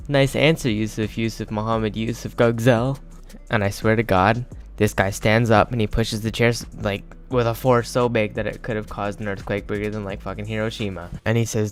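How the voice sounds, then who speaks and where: A young man with a fairly low voice tells a story in a loose, rambling way. He is crude and joking and fills his talk with "like" and "uh." Faint music plays underneath. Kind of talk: casual storytelling.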